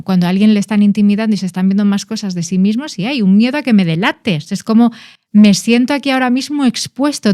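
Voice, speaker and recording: A woman's voice: medium pitch, mellow, no echo, studio quality. A woman who is a guest on a podcast, explaining nonverbal communication in a conversational way and stressing key words with frequent restarts. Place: podcast studio.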